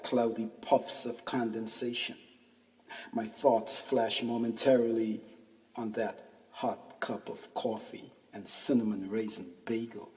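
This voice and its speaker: With a mid-range, slightly mellow voice, a fifty-something podcast host reads his own first-person essay, wry and laced with street slang. The sound comes from a distance in a reverberant space.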